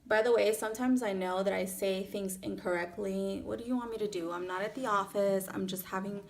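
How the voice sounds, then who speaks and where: A woman in her thirties speaks with a Miami accent and noticeable vocal fry. Her pitch sits in an ordinary middle range. She talks in an informal, chatty way, like a beauty vlogger walking viewers through a tutorial at home. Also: steady tone, a little fast. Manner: chatty, informal, self-accepting. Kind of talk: casual makeup tutorial chat. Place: small furnished room at home, indoors.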